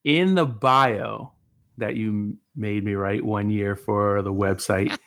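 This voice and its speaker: A man's voice: fairly low pitch, fairly even intonation, takes it slowly, a bit bright. A man from Massachusetts co-hosting a casual sports podcast, playful and joking as he runs a quiz. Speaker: podcast co-host.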